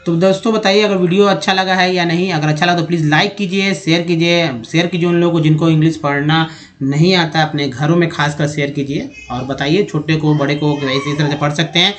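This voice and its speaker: A man's voice: a little high, steady tone, a little fast. A man teaching a video lesson in Hindi, patiently explaining English vowel sounds and spelling words out letter by letter.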